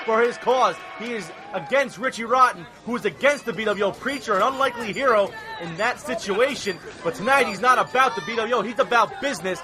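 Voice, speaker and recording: A man giving live wrestling commentary in an excited, raised voice. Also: high voice, fairly quick. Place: live event at a fair. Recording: loud crowd around commentary.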